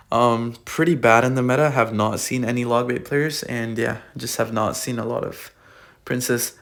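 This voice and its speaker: Young man rambling over a card tier list. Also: medium pitch. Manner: rambling, slangy, filler-heavy. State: losing his voice. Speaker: gaming YouTuber. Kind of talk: casual tier-list commentary. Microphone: iPad recording.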